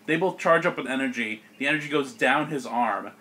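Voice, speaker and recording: A man's voice: mid-range voice, fairly quick, slight background noise. A young man running a tabletop game as game master, narrating with lots of laughter. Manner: animated, laughing often.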